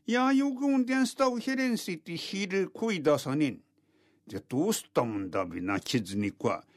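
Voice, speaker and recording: A folktale storyteller, a man with a slightly high voice, tells a folktale aloud in a thick rural Tohoku Japanese dialect, using homespun dialect sentence endings again and again. The recording is studio quality with no room sound.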